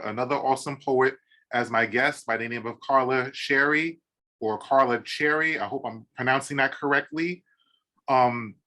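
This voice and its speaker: A man's voice: medium pitch, sharp tone. A man hosting a poetry podcast interview over a video call, enthusiastic, with many "um"s and repeated "awesome". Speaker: podcast host.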